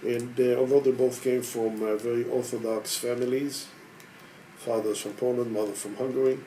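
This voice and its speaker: A man in his sixties from Israel, an organization head telling his personal story in a measured, hesitant way with frequent pauses. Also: mid-range voice, little pitch movement, dark tone, a little hiss or hum, poor audio. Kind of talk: personal testimony.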